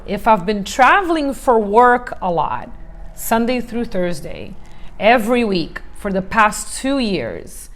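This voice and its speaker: A middle-aged woman leading a motivational workshop in a conversational way, asking rhetorical questions and acting out examples. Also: mid-range voice. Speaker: coach.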